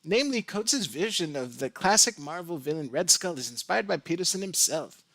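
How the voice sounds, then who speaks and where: A man putting on a high, lilting Valley Girl voice to read a text aloud mockingly. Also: expressive, moderate pace, a bit bright, no echo. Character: airy young Valley Girl reading aloud.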